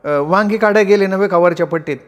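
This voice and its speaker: A woman's voice: medium pitch, fast talker, long reverb tail, pitched above the performer's own voice, close to an everyday voice. A man voicing a shy young village laborer's wife who speaks in rustic dialect. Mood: surprised.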